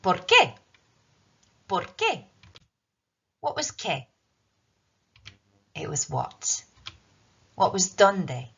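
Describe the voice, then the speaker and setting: A woman teaching key words in a recorded language tutorial, drilling them slowly with repeat-after-me lines. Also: fairly low pitch, huge pitch swings, creaky, a bit bright, husky. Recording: dull lo-fi recording.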